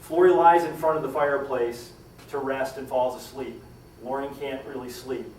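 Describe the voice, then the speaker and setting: A man's voice: fairly even intonation, moderate pace, darkish tone, slight background noise. A man telling a historical story to a live audience, acting out the characters' lines with dramatic swings in voice. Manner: dramatic, acts out quoted lines with rising pitch and volume. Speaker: historical storyteller giving a talk. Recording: echoey room, distant mic, faint ambience.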